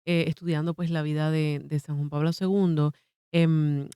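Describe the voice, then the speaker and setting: A woman's voice: deep voice, flat delivery, moderate pace, mellow, smooth, no echo, clean studio sound. A woman co-hosting a casual radio talk, speaking hesitantly with many fillers and short reactions. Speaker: co-host. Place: radio studio.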